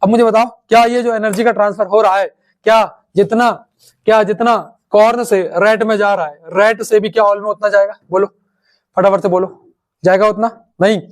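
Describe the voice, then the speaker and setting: A man teaching a science lesson, firing quick questions at his students and answering them himself. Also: high-pitched, steady tone. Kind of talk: online class lecture.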